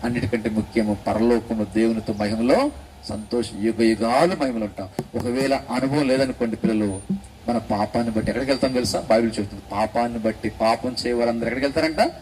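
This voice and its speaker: A man's voice: mid-range voice, quick pace, a little mellow. A man preaching to children, quizzing them with rising, calling questions and then leading them in prayer with coaxing, repeated instructions. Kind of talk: children's sermon with altar call. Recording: noisy room recording.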